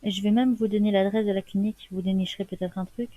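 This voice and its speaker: A woman voicing a chatty young woman who teases and drops folksy sayings, in a mellow voice. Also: mid-range voice, steady tone, quick pace, no room sound, highs cut off, lightly acted. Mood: teasing.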